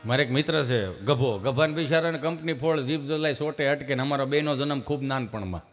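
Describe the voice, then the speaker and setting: A man's voice: medium pitch, brisk, soft background music. A man with a Kathiyawadi Gujarati accent telling folksy comic stories at a live program at an ashram, acting out the dialogue himself. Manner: folksy, acts out dialogue in other voices. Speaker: stage comedian. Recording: reverberant live venue.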